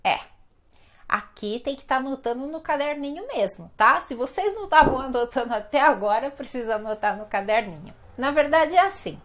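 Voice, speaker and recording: A woman with a Brazilian Portuguese accent, teaching an online language lesson in a chatty, playful way and drawing out example words slowly. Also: high voice, expressive.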